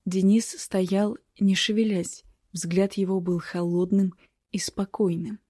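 A middle-aged woman narrating a first-person audiobook in a tense, measured way. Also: mid-range voice, steady tone, mellow, no echo, clean studio sound.

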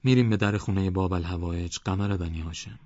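A man voicing a gentle, earnest village preacher who speaks in a measured way. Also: deep voice, no echo, muffled recording. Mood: solemn.

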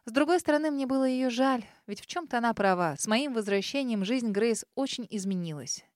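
Brief: female narrator, calm first-person storytelling, bit high, dry booth sound. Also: brisk, dry recording. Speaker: audiobook narrator.

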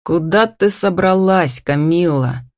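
A sarcastic male boss grumbling to himself, read by a woman narrator. The voice stays a woman's lowish tone, dry and close-miked. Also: slow pace, darkish tone, dry recording. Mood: demanding.

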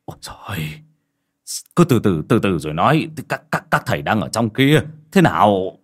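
A man's voice: lowish voice, very animated, moderate pace. A man voicing an elderly clan elder who stammers anxiously. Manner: stammering, hesitant.

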